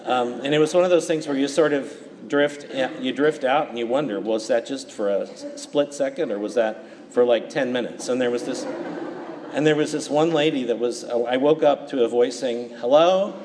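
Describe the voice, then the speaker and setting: A man, a priest, reading the Gospel and preaching at Mass in a calm, steady way, his voice carried by a long cathedral-like church echo. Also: mid-range voice, normal speed. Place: large church. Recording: reverberant church, faint background noise.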